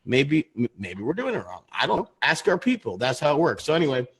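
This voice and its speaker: Co-host, male, 30s, husky voice, mid pitch, rambling casual delivery. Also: big pitch swings, brisk, fairly bright tone. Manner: rambling, restarts sentences. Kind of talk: casual livestream chat.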